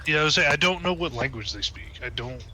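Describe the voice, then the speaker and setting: A man's voice: fairly high pitch, expressive, quick pace, crowd noise, rough recording. A man playing a tabletop game, describing his actions in a rambling way full of likes. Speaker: player. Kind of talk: casual tabletop chat.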